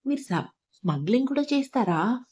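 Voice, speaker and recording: A woman's voice: fairly high pitch, big pitch swings, normal speed, a little mellow, husky. A woman voicing a naive young bride in a storybook, full of wondering questions.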